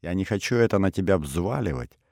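A man's voice: low-pitched, animated, fairly quick, gravelly, a little mellow, no echo, clean studio sound. A man voicing a frightened, tearful young noblewoman who speaks pleading and sobbing, in an audiobook. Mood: tearful, upset.

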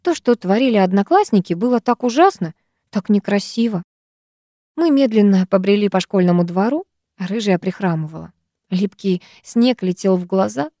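A woman narrates a first-person audiobook with a warm, mellow voice. Her reading is lively and expressive. The sound is close and dry. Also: mid-range voice, normal speed, no echo. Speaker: audiobook reader.

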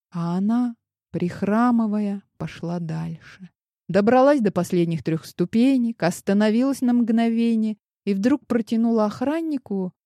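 A woman narrating an audiobook with lively storytelling. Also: medium pitch, no echo, studio quality. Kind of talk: scripted narration.

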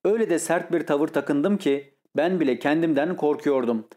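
A man's voice: a little high, normal speed, dark tone, lightly acted. A man voicing a blustering, indignant older brother who scolds scornfully in an audiobook story. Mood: amused. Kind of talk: audiobook character reading.

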